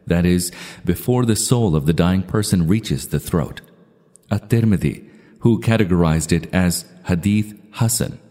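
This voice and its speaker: A man reading religious texts aloud with commentary in a measured, formal recitation. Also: sits low, dark tone. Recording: long reverberant hall sound.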